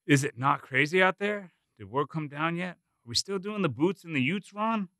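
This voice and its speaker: A man's voice: on the high side, lively intonation, moderate pace, pushed and bright, no echo, studio quality, pitched above the performer's own voice. A man voicing a nervous young male college cadet who speaks in a hesitant, questioning way. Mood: uneasy.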